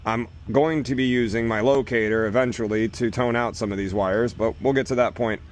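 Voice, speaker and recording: A man's voice: medium pitch, fairly even intonation, brisk, slight background noise. A man working as an irrigation technician outdoors, casually explaining each repair step in a plain, practical way as he works. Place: outdoors at a job site.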